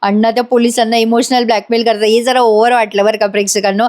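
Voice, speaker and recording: A woman narrates a playful, chatty recap of a soap episode in a fairly high voice. She retells each scene and acts out the lines along the way. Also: level tone, quick pace, a little mellow. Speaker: serial reviewer.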